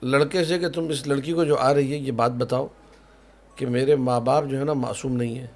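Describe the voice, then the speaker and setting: A man's voice: mid-range voice, fairly even intonation. A man, a cleric who officiates weddings, speaking emphatically on a panel with repetitive lists and folksy asides. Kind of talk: conversational religious talk on a panel.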